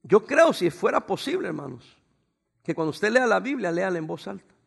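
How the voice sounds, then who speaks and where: A man's voice: sits high, very animated, a little fast, creaky, slightly rough. A man preaching as a pastor, talking to his congregation in a conversational way and acting out short exchanges. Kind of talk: sermon.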